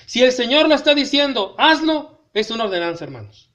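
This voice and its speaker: A man preaching an emphatic sermon, reading scripture aloud slowly and breaking in with commentary to the congregation. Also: very high-pitched, big pitch swings, sharp tone. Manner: repeatedly addresses the congregation as brothers, emphatic.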